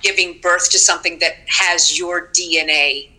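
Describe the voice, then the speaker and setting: A woman's voice: fairly low pitch, normal speed, rough recording. A woman, a stage actress, telling anecdotes in an interview and acting out the voices of people she quotes. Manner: animated storytelling, acts out quotes.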